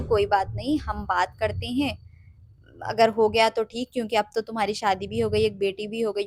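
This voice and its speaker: A young woman who works as a manifestation coach tells a client's story in a casual, chatty way. She mixes in English phrases and often checks that her listeners follow. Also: medium pitch.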